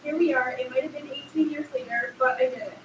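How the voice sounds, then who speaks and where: Speaking quickly in a high voice with fairly even intonation, a thirty-something woman graduating as an adult student delivers a heartfelt, emotional speech at a podium. The ceremony takes place in a big echoing hall, and the distant microphone picks up faint noise.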